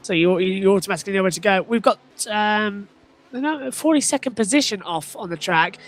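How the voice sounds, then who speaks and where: Lively race co-commentator, quick reactions to on-track events. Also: medium pitch. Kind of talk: casual commentary chat.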